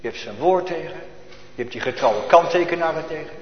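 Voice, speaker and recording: A male pastor, his voice sitting a bit higher than most men's, delivers an urgent sermon. He swings between loud declarations and hushed, near-whispered lines. He is heard on a dull, lo-fi recording with long reverb from a large church hall. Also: lively intonation, fairly quick.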